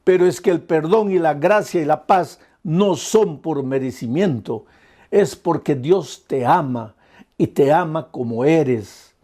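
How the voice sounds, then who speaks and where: A man's voice: fairly high pitch, measured pace, mellow. A male pastor delivering an earnest, pleading sermon full of repeated phrases.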